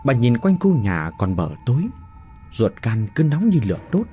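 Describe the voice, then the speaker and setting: A man's voice: medium pitch, normal speed, faint music behind. A man narrating a dramatic ghost folk tale. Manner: dramatic, expressive storytelling.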